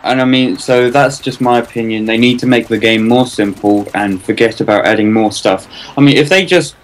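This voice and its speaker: A man's voice: mid-range voice, moderate pace, low-quality recording. A young man on a gaming podcast call, blunt and opinionated. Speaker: podcast guest. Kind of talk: casual opinionated chat.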